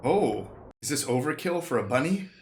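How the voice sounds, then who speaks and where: A man's voice: mid-range voice, very animated, normal speed, darkish tone, slight background noise. A man with a cold, congested and nasal, hosting a casual reaction video and chatting eagerly. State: sick, congested. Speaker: reaction channel host.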